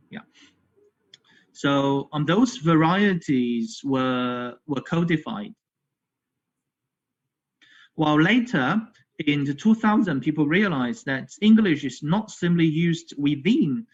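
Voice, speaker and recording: Guy giving a lecture over a video call, kinda high voice, lots of um and okay, muffled audio. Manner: hesitant, frequent fillers and "okay" check-ins. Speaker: academic presenter. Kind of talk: conference lecture. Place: remote, virtual conference.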